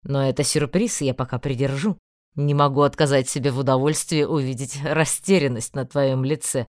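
A woman voicing a brusque young nobleman who talks low, clipped and sardonic. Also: steady tone, moderate pace, a little mellow, no room sound, clean studio sound. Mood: dry teasing.

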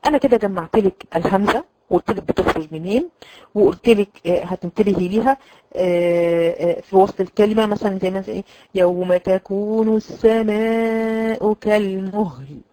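An Egyptian woman gives a recorded recitation lesson, recorded dry and close with almost no room sound. She speaks at a middling pitch and talks her students through each point, checking in with them often. She slows right down and draws out example words to demonstrate them. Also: mellow, dry recording, poor audio. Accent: Egyptian Arabic. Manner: explanatory, repeats words slowly to demonstrate; addresses students directly, frequent "khalas?" checks. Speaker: Quran recitation teacher.

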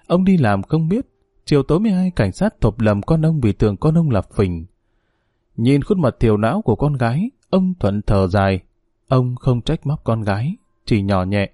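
A male narrator reads a novel in a measured, emotive way. His voice is mellow and dark, with a lively, wide pitch range. The recording is dry, with soft music underneath. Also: no echo.

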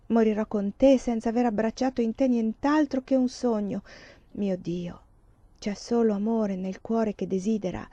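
A woman reading the part of a despairing young woman who doubts everything, in a hushed, sorrowful way. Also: fairly high pitch, dry recording, highs cut off. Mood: mournful.

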